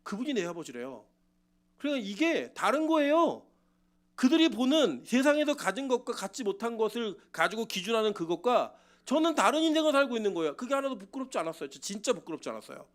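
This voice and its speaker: A man preaching a sermon as pastor, swinging between loud exhortation and quiet personal storytelling. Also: very high voice, very animated, fast talker.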